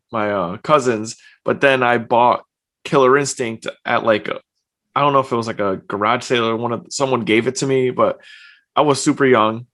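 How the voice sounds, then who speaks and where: A young man talks as a podcast guest, easygoing and full of verbal fillers. His voice is mid-pitched and even, and he tells his stories at a loose, unhurried pace. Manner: relaxed, chatty, uses lots of fillers like "like". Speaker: podcast guest, streamer and personal trainer. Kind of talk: casual interview chat. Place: home, evening.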